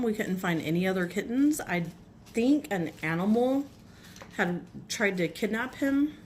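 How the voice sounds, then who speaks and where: Woman vlogger, slow and chatty, slightly rough from a cold, faint hiss behind her. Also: medium pitch. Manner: gushing, chatty, clears throat often. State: has a cold, voice a little rough. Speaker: nail vlogger. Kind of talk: casual unboxing chat. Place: home.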